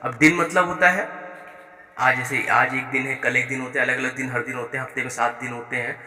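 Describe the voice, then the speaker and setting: A man teaching a children's Hindi exercise, slowing down to spell each word out sound by sound. His voice is bright and clear, a little higher than most men's, and it rings through a room with a long, echoing reverb. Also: fairly even intonation. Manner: slow, patient, spells words out sound by sound. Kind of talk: explaining a school exercise.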